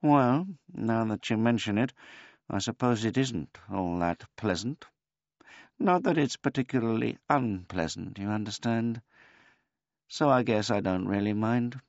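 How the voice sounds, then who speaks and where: A man voicing a weary, laconic elderly male tomcat who speaks in a dry, unhurried, noncommittal way. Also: lowish voice, dry recording, dull audio, pitched above the performer's own voice.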